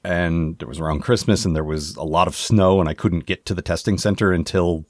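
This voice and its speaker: A man co-hosts a podcast, talking in a rambling, hesitant way with lots of fillers during casual chat. His voice is deep and a little mellow, with a steady tone and slightly fast pace, recorded dry with clean studio sound.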